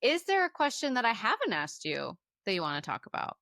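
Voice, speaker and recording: A woman's voice: a little high, wildly swooping pitch, brisk, no echo. Woman in her 40s, life coach guest, gushy and encouraging, dry close sound. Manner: enthusiastic, warmly affirming. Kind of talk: casual conversation.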